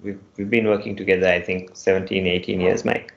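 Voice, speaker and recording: A middle-aged man talks through his answers in a measured way, with frequent pauses. His voice sits somewhat low. The audio is roomy and dull, like a lo-fi remote recording. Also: flat delivery, creaky. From Sri Lanka. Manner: measured, pausing often between phrases. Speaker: guest, company CTO. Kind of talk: casual podcast interview.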